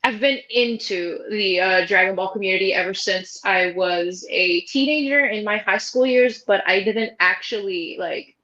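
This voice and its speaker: A woman, a cosplayer guest, chatting casually with many fillers over a low-quality home mic. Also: normal speed, few pauses, bright, forceful tone, dull audio. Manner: chatty, lots of "like, you know" fillers. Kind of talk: casual group chat.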